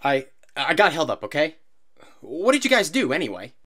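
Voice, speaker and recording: A man's voice: on the high side, wildly swooping pitch, moderate pace, fairly bright tone, pitched above the performer's own voice, exaggerated voice. A man voicing a nervous, guilty sixteen-year-old boy who stammers and apologizes in a fan audio drama.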